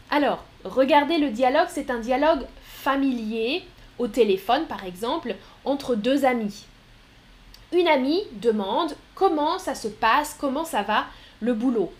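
French-accented woman teacher, high voice, slow and patient, live-stream lesson. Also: animated. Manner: patient, repeats and explains phrases slowly; reads viewers' chat comments aloud.

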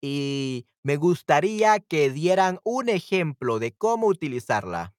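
Recorded cleanly in a studio with no room sound, a very animated man with a slightly high voice runs a live online Spanish class. He calls out viewers by name as he answers their comments, restates his explanations in English, and draws example words out slowly.

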